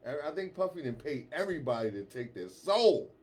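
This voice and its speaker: Animated slangy man on radio chat. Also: fairly high pitch, a little fast, husky. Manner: animated, slangy, laughs often, repeats himself. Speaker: radio show co-host.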